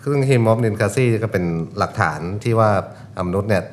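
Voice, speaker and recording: Very low-voiced man sharing beer knowledge. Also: moderate pace, a little hiss or hum. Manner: knowledgeable, adds explanations and asides. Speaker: beer expert co-host. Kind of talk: casual podcast chat.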